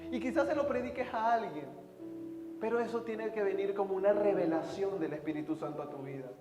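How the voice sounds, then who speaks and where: High-voiced preacher in an echoing church. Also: male voice, brisk. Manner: emotional storytelling with sudden loud outbursts and soft drops. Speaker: pastor. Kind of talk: sermon. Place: church hall. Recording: echoey church hall with music.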